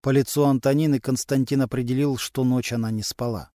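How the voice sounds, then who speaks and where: A man reads a crime novel aloud in an even, unhurried storytelling voice. His pitch sits in the middle range. The studio recording is close and dry. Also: no room sound. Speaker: audiobook narrator. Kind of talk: scripted narration.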